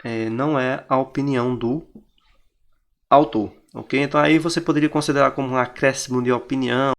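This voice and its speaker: A man's voice: medium pitch, steady tone, fairly quick, fairly bright tone. A man teaching in Portuguese with a Brazilian accent, walking students through exam answers and often pointing things out to the class.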